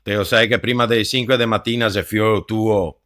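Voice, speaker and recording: A man's voice: fairly low pitch, steady tone, moderate pace, background noise. A man with a Venetian accent doing a comic dub in broad dialect, talking in a colloquial, crude, grumbling way.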